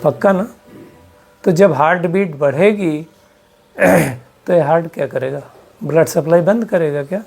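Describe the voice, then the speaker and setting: Speaking to a live audience, a spiritual teacher delivers a talk on spiritual health, firing question after question at them and mixing English terms into his speech. His voice is fairly high and a little mellow.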